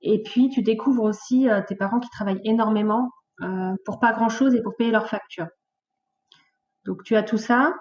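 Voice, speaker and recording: A woman in her late thirties, a podcast guest, telling her life story in a lively, casual way with many fillers. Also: a little high, normal speed, muffled recording. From France, of Portuguese origin. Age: late 30s. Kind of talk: casual conversational interview.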